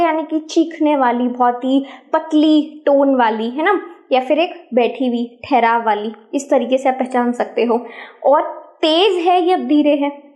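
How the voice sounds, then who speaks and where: A woman with a high voice teaches a science lesson to students. She keeps it conversational and often pauses to check that they follow. She slips English phrases into her explanations. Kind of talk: classroom lesson video.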